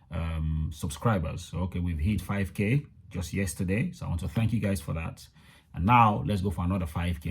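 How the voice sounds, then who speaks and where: A low-voiced man talks to viewers as a channel host. His voice is rough and husky. He delivers his update casually, stressing points by repeating words. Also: a little mellow. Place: indoors in a room in London.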